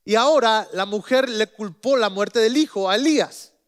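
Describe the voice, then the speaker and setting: High-voiced man preaching a sermon. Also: moderate pace. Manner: lively storytelling with joking asides. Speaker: pastor.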